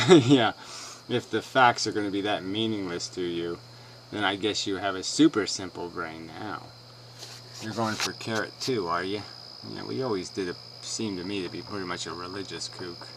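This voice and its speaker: A man's voice: deep voice, moderate pace, noisy background. A man ranting in a sarcastic, dismissive way as he answers another person's video. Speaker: video blogger responding to another video. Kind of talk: combative rant responding to a clip.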